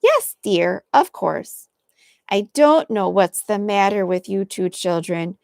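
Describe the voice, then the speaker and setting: Gentle mother of twins, soothing; read by a woman in a storybook, dry close sound. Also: medium pitch, slow pace, vocal fry, no room sound. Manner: calm, soothing.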